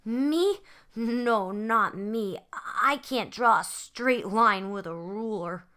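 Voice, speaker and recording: A woman's voice: mid-range voice, slow, pushed and bright, clear, resonant tone, pitched above the performer's own voice. A woman voicing a shy, earnest little boy full of self-doubt in a storybook reading.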